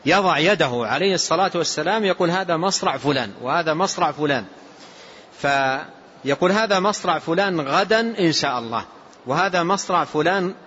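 A male scholar giving a lesson on a classical text, explaining phrase by phrase, repeating himself and pausing with drawn-out fillers. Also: a little high, a bit bright. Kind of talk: lesson commentary. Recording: dull lo-fi recording with faint hiss.

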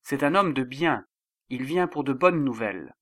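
A man's voice: mid-range voice, lively intonation, normal speed, fairly bright tone, dry recording, studio quality, natural voice. A man voicing a grieving old king who laments his son in a raised voice. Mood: anxious, regal.

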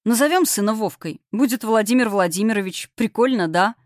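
A woman voicing a lively, cheerful young man in love, talking in an excited, boyish, joking way. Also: fairly high pitch, a little fast, no echo, studio quality, natural voice. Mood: elated.

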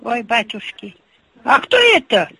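A woman's voice: a little high, very animated, unhurried, sharp tone, breathy edge, low-quality recording. An older woman on the phone who cannot hear well, repeating herself in confusion.

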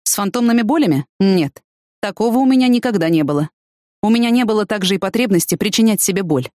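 Woman reading a gruff, blunt young man. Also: mid-range voice, animated, quick pace, a little mellow, no room sound, studio quality, natural voice. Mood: matter-of-fact. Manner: gruff, matter-of-fact. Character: blunt, hot-tempered young man, calm explainer. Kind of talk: audiobook reading.

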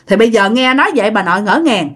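A woman with a Southern Vietnamese accent tells a ghost story in a chatty, casual way, speaking directly to her listeners. Her voice is a little high, animated, and fast.

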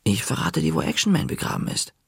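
A man's voice: mid-range voice, huge pitch swings, quick pace, creaky, breathy edge, no room sound, clean studio sound, voice pushed up, exaggerated voice. A man voicing a teasing older boy who wheedles and bargains, in an audiobook character voice. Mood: coaxing. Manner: coaxing, bargaining.

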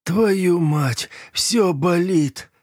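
A man's voice: sits high, extremely slow, no room sound, clean studio sound, voice pushed up, heavily acted. A man voicing a snarling, battered young brawler. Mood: snarling, pained. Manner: snarling curses, strained and weak. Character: foul-mouthed battered young man, hurting. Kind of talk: audiobook character voice.

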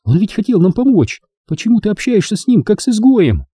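A man's voice: very animated, a little fast, mellow, breathy edge, no room sound, clean studio sound, exaggerated voice. A man voicing a headstrong young girl hunter in an audiobook, with a raised, indignant voice. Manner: high-pitched and indignant.

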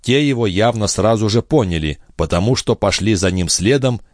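A man narrating a classic novel as an audiobook, in a measured, expressive way. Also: on the low side, no room sound, clean studio sound.

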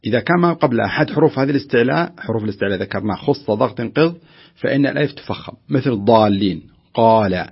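Man, recitation teacher, husky gravelly voice, quick delivery, patient, demonstrates sounds, dull lo-fi audio. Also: mid-range voice, lively intonation. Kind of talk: correcting callers' Quran recitation on air.

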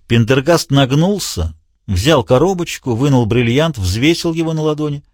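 Male narrator, lively pitch, dry close mic, scripted audiobook reading. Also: moderate pace, no echo.

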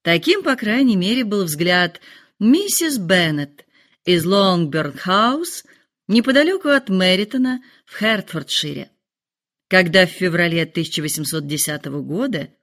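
A woman narrates a classic novel in a measured storytelling voice. Her pitch moves lively across each sentence. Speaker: audiobook narrator. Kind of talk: scripted narration.

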